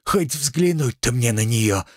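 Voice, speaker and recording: A man's voice: mid-range voice, lively intonation, a little slow, no echo, clean studio sound, pitched above the performer's own voice. A man voicing a desperate young husband. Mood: pleading. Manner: pleading, anxious.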